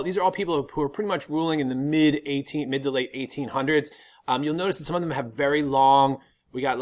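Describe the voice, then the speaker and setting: A middle-aged American man teaching history in an informal video lecture, explaining things in a colloquial way with casual asides. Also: mid-range voice.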